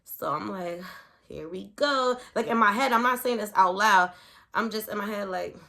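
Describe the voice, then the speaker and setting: A pregnant woman chats to her camera with a bright, ringing voice. Her story spills out in an animated ramble, each thought hooked to the next with "like". Her pitch sits in the middle for a woman. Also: moderate pace, vocal fry. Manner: animated and rambling, leaning heavily on "like". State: pregnant, with hiccups and heartburn.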